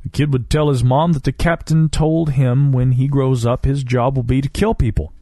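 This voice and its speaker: Man, Southern American accent, podcast host, mellow tone, dry close sound, wry conversational reading. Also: medium pitch, fairly even intonation, normal speed, no echo. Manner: wry, conversational, reads quotes then comments. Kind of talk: reading listener stories aloud.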